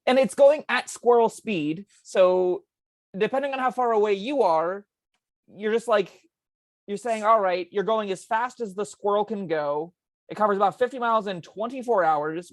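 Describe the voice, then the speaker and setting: A woman co-hosting a casual tabletop game podcast, talking in quick chatty bursts with plenty of ums. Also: medium pitch, dry recording. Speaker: co-host discussing tabletop spells.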